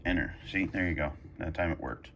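A man with a low, fairly bright voice and some vocal fry talks a little fast as he demonstrates a radio scanner. The casual how-to is improvised in a carpeted room at home, with him hesitating and reasoning aloud over button presses amid slight background noise.

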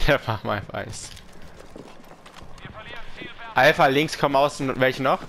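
A man's voice: mid-range voice, slow pace, gravelly, a bit bright. A man giving casual, slangy gameplay commentary, reacting in short exclamations. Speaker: gaming video maker. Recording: game gunfire and noise behind. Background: video game gunfire and vehicles.

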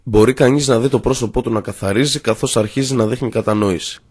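A man narrating a scripted story with a measured, earnest reading. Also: medium pitch, steady tone, a little mellow, husky.

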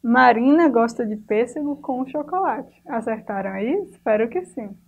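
A woman's voice: a little high, lively intonation, moderate pace, creaky, slightly rough, rough recording. A woman teacher giving a recorded class to children, patiently stretching out the example words and asking the class questions.

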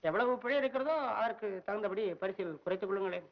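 An actor playing a poor, anxious male poet in a 1960s film, whining and frantic. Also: fast talker. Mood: cheeky. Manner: frantic, whiny, jumps between high and low. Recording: dull old film soundtrack.

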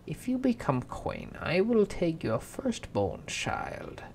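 A man voicing a sly little male imp who bargains, speaking slowly and teasingly in a bedtime story. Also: sits high, huge pitch swings, vocal fry, slight background noise, voice pushed up, exaggerated voice.

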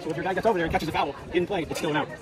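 A middle-aged man at an outdoor ballfield, explaining softball rules in a rapid, matter-of-fact way. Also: on the high side, steady tone, a crowd in the background. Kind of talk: casual explanation.

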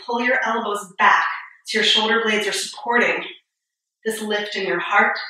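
A woman in her thirties guides a yoga class with steady, step-by-step cues, slightly winded between poses. Her voice is bright and clear, but it sits far from the microphone in a very reverberant room. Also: fairly high pitch. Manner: calm step-by-step cueing, a little breathless and joking. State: a bit out of breath. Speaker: yoga instructor. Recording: very echoey room, voice far from mic.

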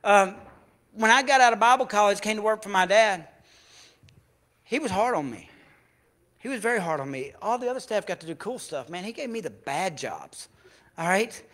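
A pastor, preaching a sermon in a church and telling a story, moving between loud preaching and hushed confession. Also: male voice, high-pitched, expressive, normal speed, pauses often.

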